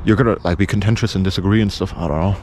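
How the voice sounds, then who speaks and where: A man with a British accent rattles through an off-the-cuff opinion monologue at very high speed. His voice sits a little low, and he hammers his points bluntly and repeatedly. There is faint noise in the recording. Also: racing, a little mellow. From England. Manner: insistent, blunt, repetitive. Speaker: video presenter.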